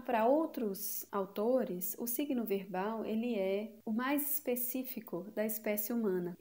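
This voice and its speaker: A woman's voice: fairly high pitch, warm tone. A woman giving a linguistics lesson for a video series, explaining step by step and posing rhetorical questions to the viewer. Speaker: linguistics teacher. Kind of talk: educational video lecture.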